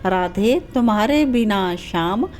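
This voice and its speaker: A woman's voice: mid-range voice, lively intonation, takes it slowly, a little mellow, a little hiss or hum. A woman voicing the young male god Krishna in a devotional story, speaking with tender, pleading emotion.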